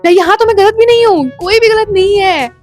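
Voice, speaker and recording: A storytime vlogger speaks into her phone's front camera, sharing a personal story in a chatty way, mixing in English and often checking in with viewers. Her voice is very high-pitched and brisk, with soft background music.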